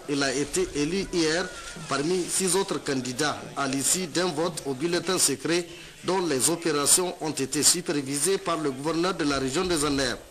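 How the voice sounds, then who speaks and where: A man's voice: on the high side, a bit bright, rough recording. A man reading a formal news report as a voice-over. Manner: measured, formal delivery.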